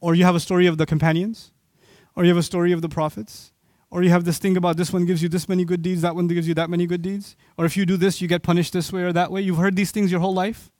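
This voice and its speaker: A man with a high voice preaching a fervent sermon, turning to the listeners with pointed questions. The sound is dry and close, with no room echo. He is originally from Pakistan. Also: flat delivery, fast talker, darkish tone. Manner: impassioned, asks the audience rhetorical questions. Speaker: Islamic preacher. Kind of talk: sermon lecture to an audience.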